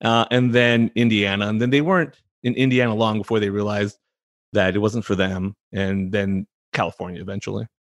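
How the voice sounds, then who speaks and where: A man's voice: on the low side, fairly even intonation, brisk, no echo. A chatty American man, about thirty to forty, raised in the San Francisco Bay Area, talking casually as an interview guest and often repeating words as he starts a thought. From United States, San Francisco Bay Area.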